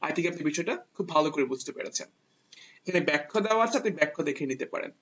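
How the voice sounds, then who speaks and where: Male tutor, higher voice, patient, repeats each rule; dull lo-fi recording. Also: expressive, fast talker, fairly bright tone, husky. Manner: patient, repeats rules step by step. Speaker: English teacher. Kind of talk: explaining grammar to viewers. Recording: dull lo-fi sound.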